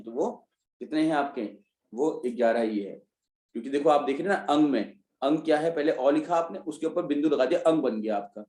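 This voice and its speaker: Male teacher for an online revision class, mellow tone, talks through each point and answers his own questions, roomy sound. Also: medium pitch. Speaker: Hindi teacher. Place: online class, students joining remotely.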